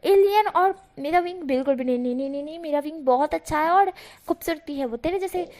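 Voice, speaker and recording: A woman voicing a furious, jealous young man who shouts insults and repeats words in anger, in a storybook reading. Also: high-pitched, a little fast, lightly acted.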